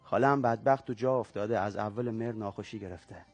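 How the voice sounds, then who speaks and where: A man doing a hushed orphaned schoolboy. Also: fairly low pitch, soft background music, voice pushed down. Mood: hushed sad. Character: quiet orphaned schoolboy, young, sad.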